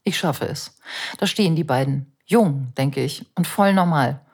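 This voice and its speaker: Husky woman reading an anxious memoir. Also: sits low, darkish tone. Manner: introspective, anxious, measured. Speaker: narrator. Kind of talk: reading a personal memoir aloud.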